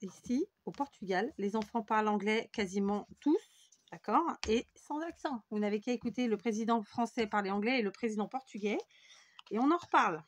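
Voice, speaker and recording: A woman from France talks at a normal speed and medium pitch while hosting a scrapbooking video. As she crafts at her table, her commentary rambles and turns self-mocking.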